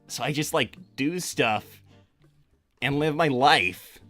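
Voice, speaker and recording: A man's voice: medium pitch, slow, fairly bright tone, soft background music. A man voicing a laid-back, unsure young cartoon hedgehog hero, chatting casually in character with a hesitant slacker drawl. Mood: awkward, evasive. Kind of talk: improvised in-character livestream chat.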